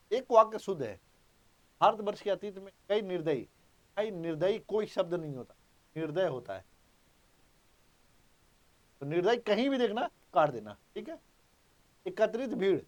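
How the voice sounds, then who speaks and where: Male exam-prep tutor, high voice, drills points with repetition and quick questions. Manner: emphatic, repeats key points, quizzes students. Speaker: teacher. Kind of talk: exam-prep grammar lesson.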